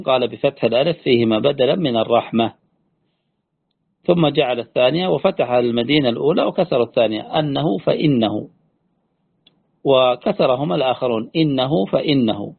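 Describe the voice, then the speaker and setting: A man teaching a lesson, calmly explaining variant readings of a scripture verse. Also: mid-range voice, vocal fry, slightly rough. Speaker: teacher commenting on the text. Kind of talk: scholarly lesson commentary. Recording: tinny phone-like recording.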